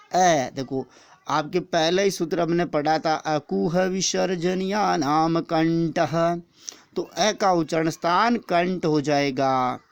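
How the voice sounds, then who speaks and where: A man's voice: on the high side, gravelly, dry recording. A man teaching an exam-prep grammar lesson, explaining step by step and repeating each answer after asking the question himself.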